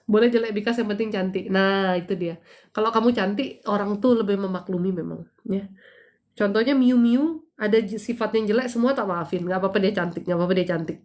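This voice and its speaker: A woman in her thirties talks through a casual live stream, moving between spiritual advice and playful gossip. She punches her main points with emphatic bursts, then drops back into easy, teasing chat. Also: mid-range voice.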